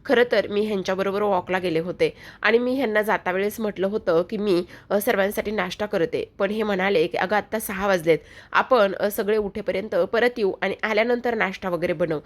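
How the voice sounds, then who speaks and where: A woman's voice: mid-range voice, brisk, natural voice. A woman voicing a meek young wife who speaks hesitantly and keeps apologizing.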